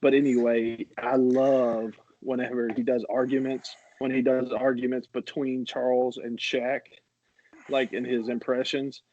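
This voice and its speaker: A man's voice: mid-range voice, little pitch movement, measured pace, a little mellow, muffled recording. A man co-hosting a podcast, chatting loosely and telling stories with lots of restarts. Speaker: podcast co-host. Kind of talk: casual chat.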